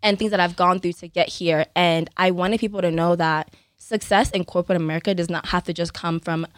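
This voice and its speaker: Animated young woman from Cameroon. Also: fairly low pitch, fairly quick, no echo, studio quality. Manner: animated, laughs often, tag questions. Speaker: guest. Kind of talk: podcast interview, telling her story. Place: podcast studio.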